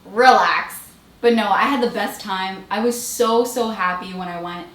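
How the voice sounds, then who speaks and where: A young woman telling funny travel stories in a casual vlog, animated and laughing often as she acts out the people she quotes. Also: medium pitch, normal speed. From Eritrean family abroad. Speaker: beauty vlogger. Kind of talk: casual storytelling while doing makeup. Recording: echoey room.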